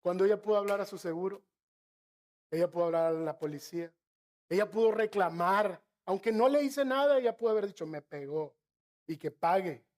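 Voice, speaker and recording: Earnest Mexican pastor, high-pitched voice. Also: male voice. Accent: northern Mexican. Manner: storytelling with asides to the congregation; slows and softens to stress key phrases. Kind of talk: sermon.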